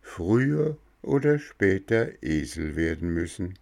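A man voicing a kindly little marmot who gently explains a hard truth. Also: deep voice, very animated, slow, creaky, heavily acted. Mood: solemn. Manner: gentle and patient, lecturing softly. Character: kindly small marmot neighbor, gentle and wise.

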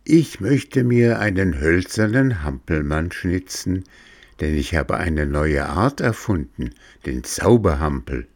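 A man's voice: low-pitched, animated, exaggerated voice. A man voicing a hot-tempered old male woodcarver in a storybook reading. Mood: earnest. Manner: quick-tempered, huffy.

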